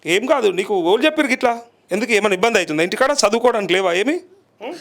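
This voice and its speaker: Man, journalist, gravelly voice, coaxing tone, repeats answers back. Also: sits high, lively intonation, very fast, a bit bright. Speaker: journalist interviewer. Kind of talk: on-the-spot interview.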